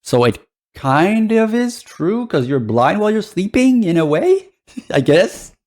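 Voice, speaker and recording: A man's voice: high-pitched, very animated, unhurried, darkish tone. A man giving casual reaction commentary as a streamer, in a hesitant, rambling way. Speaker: VTuber streamer.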